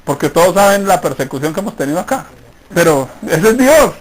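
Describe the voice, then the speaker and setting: A man's voice: high-pitched, big pitch swings, fairly quick, rough recording. A middle-aged Colombian pastor preaching a sermon in a conversational way, acting out the voices he quotes. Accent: Colombian Spanish.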